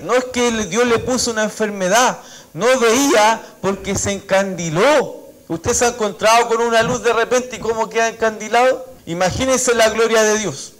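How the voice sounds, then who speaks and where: Chilean pastor preaching at a church service, male, high tenor voice, reads scripture aloud, acts out the dialogue, keeps saying amén. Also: fairly bright tone, low-quality recording. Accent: Chilean Spanish. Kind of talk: sermon.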